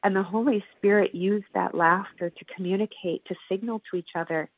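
A woman guest, a psychology professor and author, telling a personal story in an earnest, measured way with long pauses. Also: mid-range voice, steady tone, no echo. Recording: tinny phone-like line, dry.

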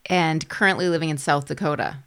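A woman's voice: sits low, brisk, a bit bright, clear, resonant tone. A woman hosting a conversational interview, reflecting back what her guest says. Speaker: interviewer, show host.

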